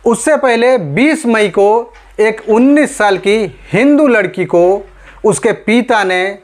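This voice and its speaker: Speaking slowly, an Indian man with a high-pitched voice reads scripted news commentary for people online. His delivery is emphatic, full of rhetorical questions, and he addresses his listeners as friends.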